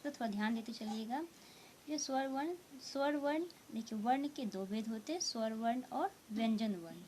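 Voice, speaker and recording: A woman teaching a grammar lesson to students, explaining slowly and repeating each point with frequent check-ins. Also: a little high, a little mellow, a little hiss or hum. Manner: slow, repetitive explaining with frequent "theek hai" check-ins. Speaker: Hindi teacher.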